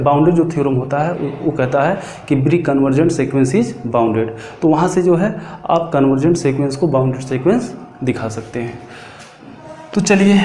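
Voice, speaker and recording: A man teaching a math lesson, explaining step by step and answering his own questions as he goes. He slows right down when he dictates formulas. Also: medium pitch, mellow. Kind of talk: classroom lecture. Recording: echoey room, faint background noise.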